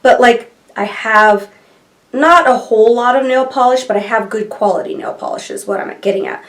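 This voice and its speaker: Reviewing products in a small bedroom filming nook at home, a beauty vlogger in her thirties chats and rambles at normal speed, gushing over colors. Her fairly high voice sounds stuffy from allergies.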